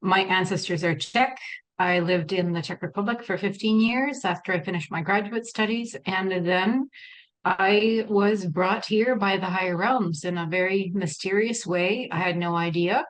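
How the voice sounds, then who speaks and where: A woman's voice: mid-range voice, normal speed, poor audio. A middle-aged woman from Canada, answering as an interview guest in a matter-of-fact way. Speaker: guest, school co-founder.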